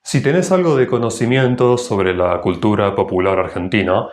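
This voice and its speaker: A man with a Rioplatense accent hosting a grammar lesson, explaining slowly and carefully pronouncing each example word. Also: lowish voice. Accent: Rioplatense Spanish. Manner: slow, deliberate, enunciating example words. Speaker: Spanish teacher and channel host. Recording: echoey room.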